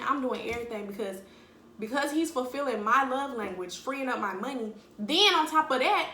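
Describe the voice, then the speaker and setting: A woman's voice: a little high, pushed and bright, roomy sound, a little hiss or hum. A young woman talking bluntly and animatedly in slang during a casual eating-video monologue at home. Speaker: vlogger.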